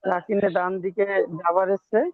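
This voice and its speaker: A man's voice: high-pitched, flat delivery, normal speed, dry recording. A male student reading and spelling out syllables hesitantly in an online recitation class. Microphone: video call. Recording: tinny phone-like call audio.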